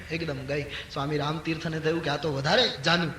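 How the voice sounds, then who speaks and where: Older man, sermon storyteller, high and very bright voice, swings from loud emphasis to low narration, echoey hall. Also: fairly even intonation, normal speed, a little hiss or hum. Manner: rises sharply for emphasis, drops low for storytelling. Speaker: spiritual storyteller. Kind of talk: devotional discourse with chanted verse. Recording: echoey hall with faint ambience.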